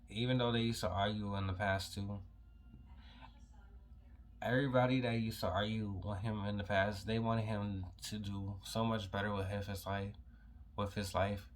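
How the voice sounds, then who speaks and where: A young man speaks in a low, fairly monotone voice as he tells a personal story to camera. His speech is halting and packed with "like" fillers, and he sounds on the edge of tears. A faint room hum sits underneath. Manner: halting, heavy use of "like" fillers, emotional. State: holding back tears. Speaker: vlogger telling a personal story.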